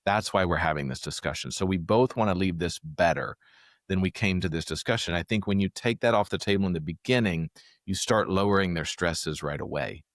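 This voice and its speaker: A man speaking as a calm former police hostage negotiator, coaching in a plain-spoken, reassuring, conversational way. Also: low-pitched, fairly quick, no room sound, studio quality. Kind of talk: explanatory conversational coaching talk.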